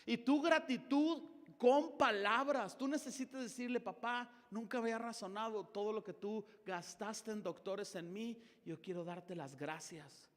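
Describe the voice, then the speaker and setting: A man's voice: high-pitched, big-room sound. A middle-aged man with a Mexican Spanish accent preaching a sermon in a church, shifting his tone dramatically as he acts out little dialogues. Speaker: pastor.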